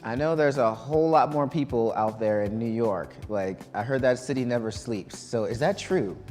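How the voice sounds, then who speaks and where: A man hosts a live quiz show from a college studio, mid-pitched and casual. He keeps things loose, with plenty of ums and restarts. A little music sits faintly behind him. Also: normal speed, darkish tone. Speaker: game show host.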